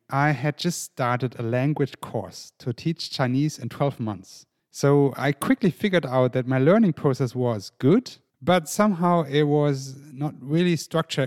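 Measured man from Germany, dry sound. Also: medium pitch, darkish tone, no room sound. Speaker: guest and co-author. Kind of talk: podcast conversation.

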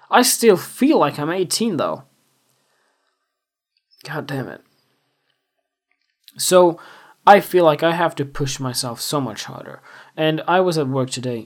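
Young male host, casual and self-reflective solo talk. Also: fairly high pitch. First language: Swedish. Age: 20s. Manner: rambling, self-reflective, full of fillers. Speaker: podcast host.

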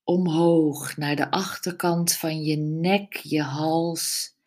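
A woman leading a guided relaxation meditation, giving soft, soothing instructions with long pauses. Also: sits low, fairly even intonation.

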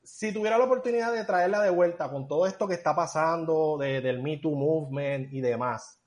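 A man's voice: fairly high pitch, brisk, a little mellow. A man hosting a podcast, teasing his guests in a playful way. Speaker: podcast host. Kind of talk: casual podcast chat.

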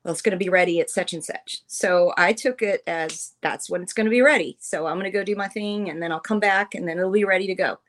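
A woman in her fifties, a military veteran guest on a podcast, telling personal stories in an earnest, emotional, halting way. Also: fairly low pitch. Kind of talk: personal storytelling in conversation.

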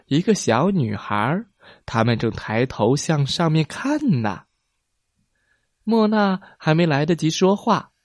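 A man narrates a children's story at an unhurried pace. He reads with an expressive storytelling manner. The sound is dry and close to the mic. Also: mid-range voice, no room sound. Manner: slow and expressive.

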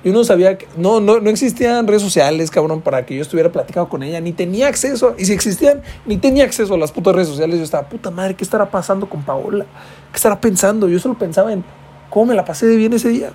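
A man's voice: high-pitched, lively intonation, racing, mellow, a little hiss or hum. Slangy young Mexican man telling a story. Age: about 20. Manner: slangy and profane, peppers every line with güey. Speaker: podcast host. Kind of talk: comic storytelling monologue.

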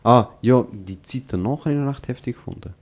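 A young man with a Swiss German accent, chatting in a relaxed way on a podcast. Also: mid-range voice, fairly quick. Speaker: podcast host. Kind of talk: casual chat.

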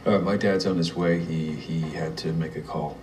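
An actor playing a cowed, subdued young man who answers in halting, flat replies in a TV drama clip. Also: extremely low pitch, a little hiss or hum. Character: cowed, subdued young man under his father's thumb. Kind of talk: TV drama dialogue. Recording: roomy far-off clip with faint background ambience.

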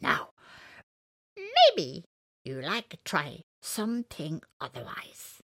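A woman voicing a scraggy little male bird who speaks in broken, jumbled grammar, slow and coaxing. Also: sits low, huge pitch swings, fairly bright tone, no room sound, studio quality, full character voice.

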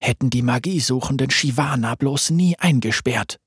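A man's voice: very high-pitched, expressive, moderate pace, no room sound, clean studio sound, voice pushed up. Man doing Corvus, a young warrior giving urgent orders. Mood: hushed. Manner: urgent, raised commanding calls. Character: young male warrior, soldier's son. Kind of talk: storybook reading.

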